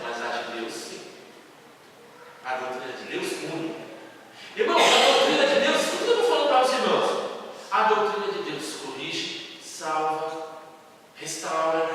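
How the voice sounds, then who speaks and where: A Brazilian man from São Paulo, speaking Brazilian Portuguese with a fairly high, sharp-toned voice, preaches a sermon as pastor in a church sanctuary. His delivery is emphatic, with many rhetorical questions to the congregation. The echoey hall and distant mic add slight background noise.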